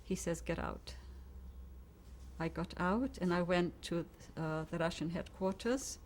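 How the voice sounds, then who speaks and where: A woman's voice: lowish voice, moderate pace, a little mellow, a little hiss or hum. Elderly woman telling her story. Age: 90s. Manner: vivid storytelling, acting out dialogue. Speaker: interviewee. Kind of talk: oral history testimony.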